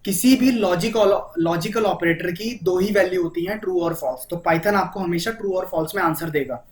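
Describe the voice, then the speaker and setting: In a relaxed programming lesson in Hindi, an Indian-accented man keeps asking "ठीक है?" to check in with his listener and slips English terms into his speech. He speaks in a high voice at a moderate pace.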